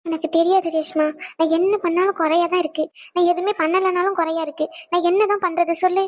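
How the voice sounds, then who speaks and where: A woman voicing a young pregnant cartoon wife who is hurt and upset, in a high, small voice. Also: fairly even intonation, fairly quick, no room sound.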